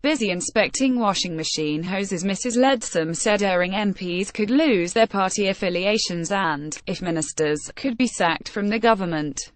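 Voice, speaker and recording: A woman reading a satirical newspaper sketch aloud in an even, steady manner. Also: medium pitch, normal speed, few pauses, no room sound. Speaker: article reader. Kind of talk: read-aloud news column.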